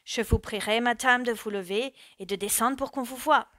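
A woman reading the part of a rough, violent Prussian army officer, giving curt and commanding orders in a raised voice. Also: medium pitch, normal speed, no echo, studio quality, close to an everyday voice. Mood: harsh, commanding.

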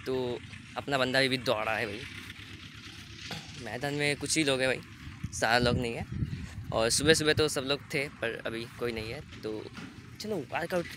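A teenage boy vlogs casually, filming himself at arm's length on his phone's selfie camera, first outdoors on a field and later at home. His male voice is medium-pitched at a normal speed with long pauses, chatty and informal, and he keeps calling viewers "brother." Background noise is present.

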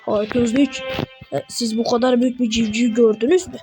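A high-pitched woman chats her way through a game, excitable and quick to talk back to the characters in slangy banter. Her casual let's-play commentary sits over clearly audible game music in the background. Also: low-quality recording. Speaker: gaming YouTuber.

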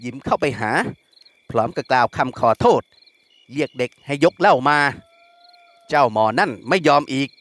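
A man narrating a classic novel as an audiobook, in a steady, dramatic storytelling way. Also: mid-range voice, normal speed, long pauses. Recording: long reverb.

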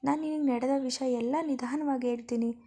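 A woman's voice: high-pitched, steady tone, fairly quick, mellow, slightly rough. Worried young husband, soothing and urgent, as a woman puts him on. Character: anxious young husband soothing his wife.

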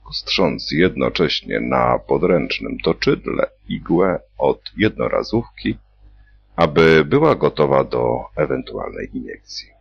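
A man reading a satirical story, narrating in a slow, playful way. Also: extremely low pitch, very animated. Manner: slow, gravelly, playful voicing of characters. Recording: dull lo-fi recording.

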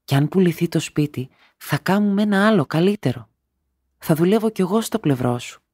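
A man's voice: mid-range voice, animated, mellow, dry recording, studio quality, lightly acted. A man reading a story aloud and voicing a young woman who is tender at times and bitter at others, speaking emotionally and rising to cries. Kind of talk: audiobook character reading.

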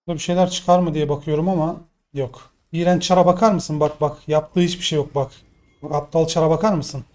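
A young man commentating his own gameplay live, excitable and swearing in frustrated outbursts. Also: fairly high pitch, a little fast. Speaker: gaming streamer.

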